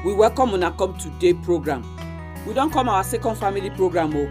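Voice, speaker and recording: A woman's voice: mid-range voice, expressive, brisk. A woman with a Nigerian accent presents a religious radio programme, speaking in Nigerian Pidgin. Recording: music behind the voice. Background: instrumental music.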